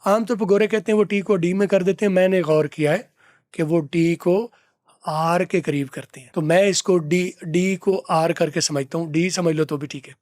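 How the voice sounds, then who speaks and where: A man's voice: high-pitched, steady tone, darkish tone, no room sound, studio quality. Man drilling English pronunciation. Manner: repeats phrases slowly, drills pronunciation. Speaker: English teacher. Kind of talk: lesson explaining film dialogue.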